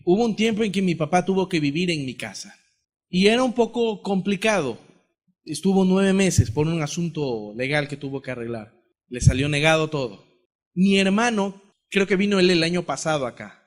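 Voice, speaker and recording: Guy from ecuador preaching, high voice, gets really fired up telling his story. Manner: impassioned, acts out dialogue with God and his brother. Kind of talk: testimony sermon.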